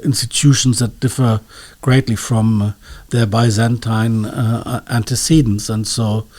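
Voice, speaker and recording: A man appears as an expert guest in an interview, hesitantly searching for words as he explains in a scholarly way. He speaks at a measured pace in a level, mid-range voice that is a little mellow.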